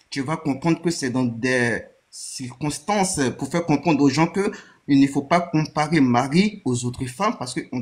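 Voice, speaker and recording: Homme hésitant, au haut-parleur lointain. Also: male voice, on the high side. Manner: hesitant, many restarts and stammers. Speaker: guest joining a live stream. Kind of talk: live online debate.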